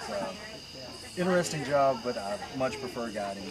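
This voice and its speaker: A man's voice: medium pitch, expressive, moderate pace. A man giving casual interview answers as a staff member at an attraction. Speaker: haunted trail staff being interviewed. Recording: outdoor recording with loud crowd noise.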